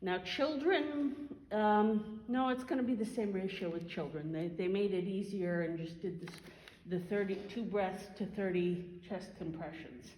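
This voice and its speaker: A woman instructor giving an informal hands-on first aid demonstration, explaining step by step and halting as she thinks. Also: medium pitch, darkish tone. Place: large reverberant room. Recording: echoey hall, faint background noise.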